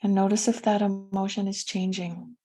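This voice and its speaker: With a medium pitch and a flat delivery, a woman teaching a guided meditation talks softly and calmingly, leaving pauses between her phrases.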